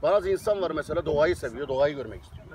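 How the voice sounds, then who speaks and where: A man's voice: on the high side, animated, fast, a little mellow, a little hiss or hum. A man chatting casually outdoors, rambling and laughing easily as he talks about cooking for visitors. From Turkey. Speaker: interviewee, Turkish cook living abroad.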